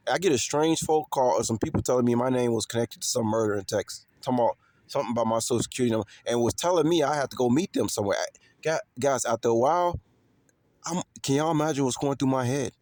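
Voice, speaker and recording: Fast and darkish in tone, this medium-pitched male voice belongs to a Chicago vlogger riffing unscripted for his viewers. The dry recording captures his emphatic, repetitive style with street slang and swearing.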